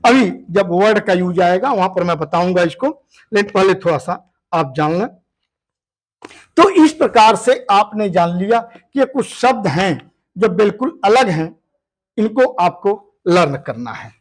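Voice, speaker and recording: A male teacher works through a grammar lesson step by step at a slow, unhurried pace, calling his students "beta." His lively intonation rises and falls a lot as he stresses words and repeats them aloud for the class to practice.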